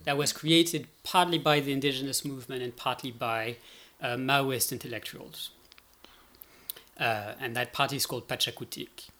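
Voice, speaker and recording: Appearing as an expert guest on a podcast, a man explains things conversationally, thinking aloud and often checking in with "right?". His voice is medium-pitched with fairly even intonation, a moderate pace and a sharp tone.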